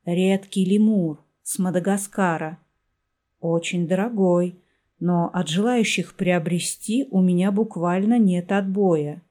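A woman voicing a gaunt, hooded male shopkeeper who speaks in a quiet, breathy half-whisper with an aloof, formal manner. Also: fairly low pitch, slow. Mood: cool.

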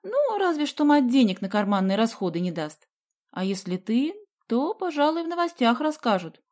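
A woman voicing a feisty, quick-tempered schoolgirl who argues in indignant, squealing retorts. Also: on the high side, big pitch swings, a little mellow, voice pushed up. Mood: teasing.

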